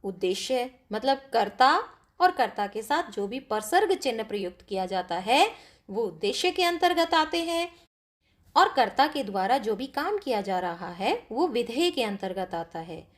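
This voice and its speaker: A woman's voice: fairly high pitch, big pitch swings, normal speed. A woman teacher explaining grammar to pupils step by step, often asking them questions. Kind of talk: classroom grammar lesson.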